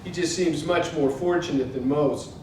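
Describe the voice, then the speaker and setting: A slightly mellow voice at normal speed belongs to an author in his sixties from Pittsburgh, United States, who speaks with an American accent. He's reading from his book to a live audience in an indoor museum event space, recorded through a distant mic in a very echoey hall with a noisy rumble.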